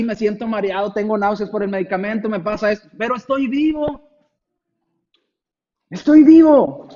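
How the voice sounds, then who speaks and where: High-voiced preacher guy in his 40s, expressive sermon, kinda muffled lo-fi church recording. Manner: expressive, acts out frightened voices in anecdotes.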